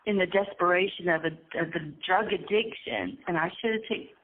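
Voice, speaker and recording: A nervous woman hesitantly telling her own story as an interviewee, pausing often with ums. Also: on the low side, a little hiss or hum. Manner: hesitant, halting, with frequent ums. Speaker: incarcerated interviewee. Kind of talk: casual conversational storytelling. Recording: tinny phone line.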